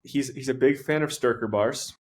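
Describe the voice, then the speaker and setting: A man, a professional gravel racer, chatting as a podcast guest, rambling through anecdotes with many fillers and restarts. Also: mid-range voice, normal speed, a little mellow. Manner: tells anecdotes, acts out quoted people. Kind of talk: casual chat.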